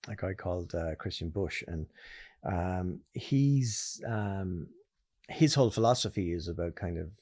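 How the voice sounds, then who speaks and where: A man from Ireland hosts a relaxed interview, talking in a lowish voice that loops back and restarts as he thinks. The sound is close and dry, with no room around it. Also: measured pace, no room sound. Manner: rambling, restarts phrases while thinking aloud. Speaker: podcast host. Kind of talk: conversational interview.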